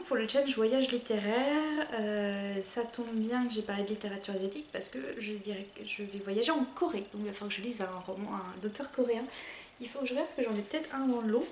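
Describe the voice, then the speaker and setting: French woman, soft low voice, casual hesitant chat, echoey room with faint background hum. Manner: chatty, hesitant with frequent fillers and restarts. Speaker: book vlogger. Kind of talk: casual monthly reading-list chat.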